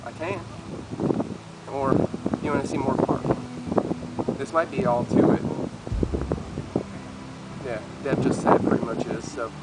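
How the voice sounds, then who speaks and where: A man's voice: medium pitch, a little slow, long pauses, heavy background noise. A middle-aged man filming a casual travel vlog while hiking among rocks, talking into a handheld camera mic. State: a little out of breath. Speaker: travel vlogger. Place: outdoors among rocks, wind.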